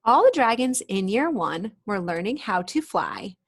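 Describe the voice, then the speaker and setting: Here a woman reads aloud to kids in a mid-range, sing-song voice. She tells the story expressively and breaks off for friendly explanations and questions aimed at the young audience.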